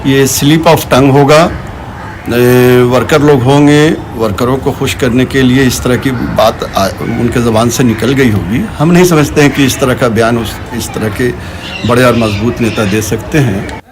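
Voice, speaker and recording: A man's voice: mid-range voice, measured pace. Man defending a leader, noisy background. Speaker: party spokesman. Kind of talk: news statement. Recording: background noise.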